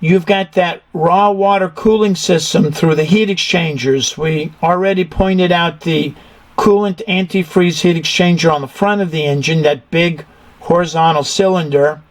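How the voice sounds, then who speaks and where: A fairly high-pitched man with fairly even intonation and a moderate pace guides a learner through an engine room. Methodical and hands-on, he explains the technical details step by step and tests the learner with questions as he goes.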